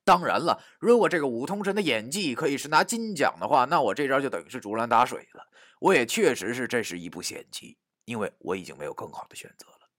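A man narrating a first-person story, dramatic, dropping to a hush and rising to shouts. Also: medium pitch, quick pace, dry recording, clean studio sound. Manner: animated, dramatic, swings from hushed to shouting.

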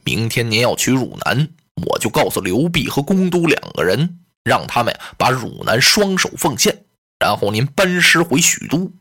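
A male storyteller voicing an earnest, scheming male advisor in a lowered, confiding tone. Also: big pitch swings, normal speed, bright, forceful tone, husky, full character voice.

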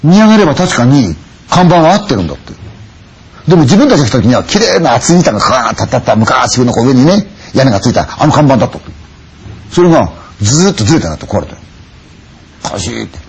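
A man tells a ghost story in a husky, rasping voice at a very fast clip. His pitch swings widely as he punctuates the tale with vivid sound effects and snatches of acted voices. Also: very animated, darkish tone. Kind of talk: dramatic ghost story telling.

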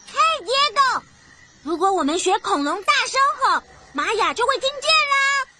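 A woman's voice: very high-pitched, big pitch swings, heavy background noise. A woman voicing an eager, caring child explorer in an educational cartoon, talking straight to the viewer in a teacherly way. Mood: concerned, encouraging. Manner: deliberate, teacherly, addresses the viewer. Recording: loud music under the voice.

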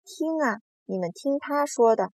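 Woman voicing a female ladybird, kind, gentle, raised pitch, dry close sound. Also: animated, a little slow, dry recording, soft background music. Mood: kindly.

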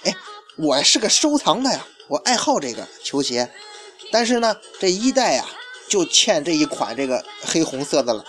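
A man's voice: fairly high pitch, big pitch swings, moderate pace, a bit bright, soft background music. A man voicing a pushy young male sneaker collector who pleads and sucks up to a shopkeeper, in a storytelling retelling. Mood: pleading. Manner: pleading, chummy.

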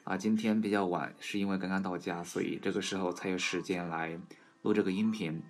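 A man recording an audio English pronunciation lesson at home, explaining in Chinese and slowly repeating English words and sentences for learners. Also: low-pitched, fairly even intonation. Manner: switches between Chinese explanation and English examples.

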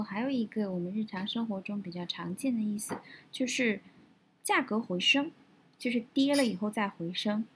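Husky woman teaching English vocabulary. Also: mid-range voice, poor audio. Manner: spells words out slowly and repeats them. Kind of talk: news-based English vocabulary lesson.

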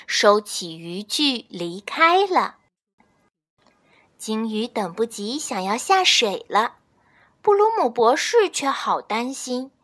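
A woman with a high-sitting voice reads a children's storybook aloud in an expressive, measured way, with faint children's music in the background.

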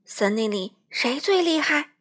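A woman's voice: on the high side, lively intonation, moderate pace, fairly bright tone. A woman voicing a smug, bossy male wolf who bullies and threatens. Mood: bossy sneering. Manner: sneering, threatening.

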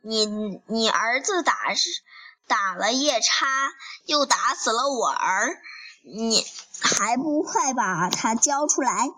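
A woman voicing a furious old male dragon king in a storybook reading, angry and shouting. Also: fairly high pitch, expressive, slow, heavily acted.

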